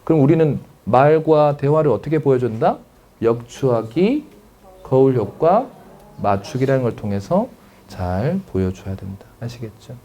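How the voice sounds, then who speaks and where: A man's voice: medium pitch, big pitch swings, normal speed, dark tone, slight background noise. A man giving a lecture to parents as a counselor, acting out family dialogues and often checking that the audience follows.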